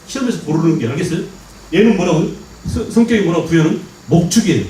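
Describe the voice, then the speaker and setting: Speaking quickly in a slightly high voice, a Jeolla-born history lecturer keeps his lively lesson animated and tests understanding with rhetorical questions. The echoey hall, distant microphone and slight background noise color the recording.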